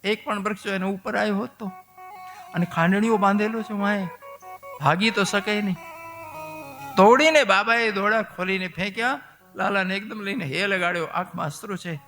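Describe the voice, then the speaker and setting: A man's voice: high voice, fairly even intonation, normal speed, sharp tone, faint music behind. A man, telling a devotional story as a sermon with emotive exclamations.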